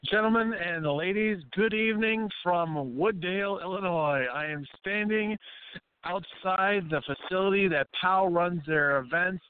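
A man's voice: high voice, measured pace, clean tone. A middle-aged man with a courteous showman's way of talking, being interviewed as a guest on call-in radio. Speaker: wrestling promotion guest. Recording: dry narrow phone line.

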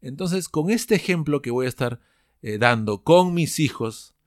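A man's voice: on the high side, expressive, no echo, studio quality. A man teaching an English lesson, explaining patiently and drawing out pronunciation examples. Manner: explanatory, drawn-out demonstrations of pronunciation. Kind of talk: online language lesson.

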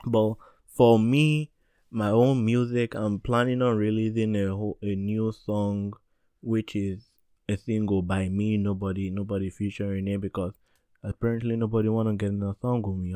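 A man's voice: on the low side, fairly even intonation, moderate pace, dark tone, no echo. A man hosting a casual music review podcast, rambling and often restarting his sentences in loose slang. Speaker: podcast host.

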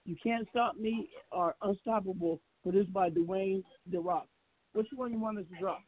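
Older guy hosting radio, high husky voice, keeps repeating himself, sounds like a phone line. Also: normal speed, no echo. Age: 60s. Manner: laughing, repeats words, stumbles. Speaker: radio show host. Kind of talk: casual radio chat. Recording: phone-line call-in audio.

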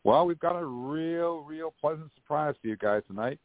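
A man's voice: fairly high pitch, expressive, normal speed, dry recording. An American man hosting a live call-in fan podcast with a folksy showman's way of presenting. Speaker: podcast host. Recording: dry, narrow phone-like podcast audio.

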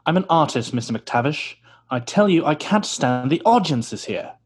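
A man's voice: a little high, animated, moderate pace, husky. An actor playing a vain, pompous male stage actor who talks theatrically and scoffs, in an old-time radio drama.

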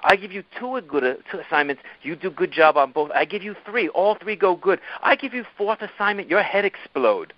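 A man doing an impression of a brisk female office boss with a Korean accent, speaking in blunt, clipped broken English. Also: high-pitched, lively intonation, no echo, highs cut off, pitched above the performer's own voice. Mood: matter-of-fact.

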